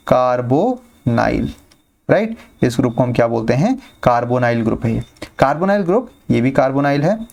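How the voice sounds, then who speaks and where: A man giving a chemistry lesson in a middle-pitched voice. He pauses to think, slows down to spell out each technical term, and keeps asking the class questions before answering them himself. He mixes English words into his talk and checks in often with "right?" and "okay". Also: gravelly, darkish tone. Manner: thinks aloud, with pauses and slow, spelled-out terms. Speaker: teacher.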